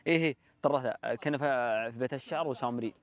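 A young man speaks in a Bedouin Saudi Arabic accent at a quick clip. His delivery is casual and conversational, like someone telling stories to friends, with polite address phrases sprinkled through. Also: medium pitch. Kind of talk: casual chat and storytelling. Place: walled set with artificial grass, seated group.

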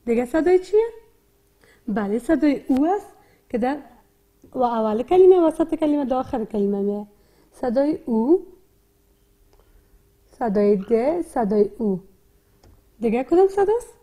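A woman with an Afghan Dari accent teaches young learners to read. She has a high, soft, mellow voice. She breaks every word into its sounds and repeats each one patiently. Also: big pitch swings, long pauses. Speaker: primary school teacher. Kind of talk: slow, repetitive literacy lesson.

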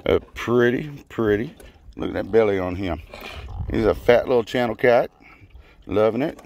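A man in his forties hosting a casual fishing vlog from a small boat on a river, talking with lots of fillers into a handheld phone. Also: on the low side. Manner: chatty, filler-heavy, upbeat. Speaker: fishing channel host. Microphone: handheld phone camera. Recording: outdoor noise from water and boat.

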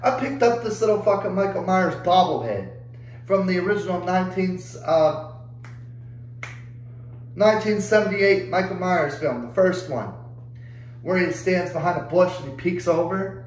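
Swearing constantly, a young adult male vlogger vents his exasperation in an angry rant to camera. His voice sits high and moves at normal speed with long pauses, recorded roughly in a roomy space with a little hiss or hum.

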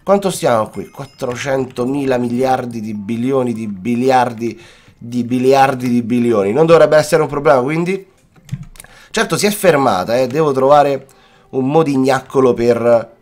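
A man's voice: medium pitch, normal speed, darkish tone. A young Italian man giving chatty, playful gameplay commentary, talking to his viewers and mixing in English words, with a cough-worn voice. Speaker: gaming YouTuber. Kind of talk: casual Let's Play commentary. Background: faint background music.

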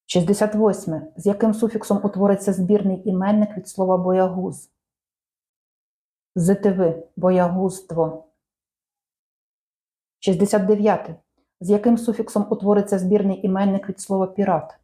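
A woman reading out language quiz questions and answers in a measured, clear teaching manner. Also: mid-range voice, level tone, dark tone. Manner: measured, clear dictation-like delivery.

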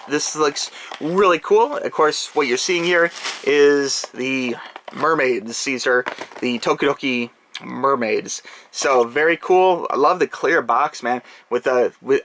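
A man chatting excitedly in a casual toy vlog, talking straight to his viewers and checking in with them often. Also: medium pitch. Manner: excited, chatty, with many "okay?" asides to viewers. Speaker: toy collector vlogger. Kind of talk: casual unboxing vlog chat.

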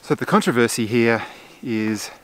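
A man's voice: medium pitch, normal speed, a bit bright, slight background noise. Chatty man vlogging outdoors. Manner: chatty, explanatory, with frequent fillers. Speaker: landscape photographer. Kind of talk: casual vlog narration to camera. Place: outdoors in a forest and on a gorge lookout. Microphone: camera mic at arm's length.

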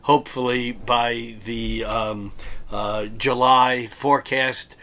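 A male astrologer talks through an astrology forecast, his voice raspy and hoarse as he recovers from an illness. He moves methodically from one date and planetary aspect to the next, at a mid-range pitch for a man. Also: little pitch movement, slow, sharp tone.

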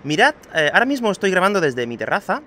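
A man's voice: sits high, big pitch swings, quick pace, sharp tone, slight background noise. A man from Andalusia with a light Spain Spanish accent, teaching a podcast lesson and patiently explaining while addressing the listener directly, recorded on his outdoor home terrace. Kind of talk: podcast lesson answering student questions.

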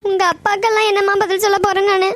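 A woman voicing a shrill, stubborn cartoon mother. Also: flat delivery, fast talker, no room sound. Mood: hurt insistence. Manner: pleading, argumentative, insistent. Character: upset middle-aged mother, stubborn and grieving. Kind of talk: cartoon voice acting.

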